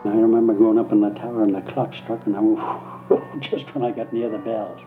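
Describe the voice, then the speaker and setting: A man's voice: on the low side, a little fast. Older man on gritty early-microphone tape. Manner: relaxed storytelling with hesitant fillers. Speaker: retired radio engineer. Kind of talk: reminiscing interview. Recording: tinny lo-fi archival tape, faint music behind.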